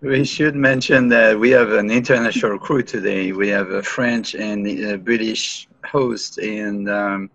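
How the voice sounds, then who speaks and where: A man co-hosting a podcast interview, asking questions haltingly with many fillers and restarts. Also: lowish voice, steady tone, fairly bright tone. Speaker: podcast co-host. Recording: lo-fi muffled sound.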